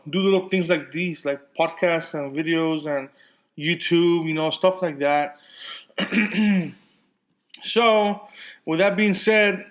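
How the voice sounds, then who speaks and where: A man's voice: a little high, a bit bright, rough recording. A man hosting a casual solo podcast, talking with a lisp and a slight slur, rambling with many restarts and fillers. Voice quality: lisp and slurred speech. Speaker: podcast host.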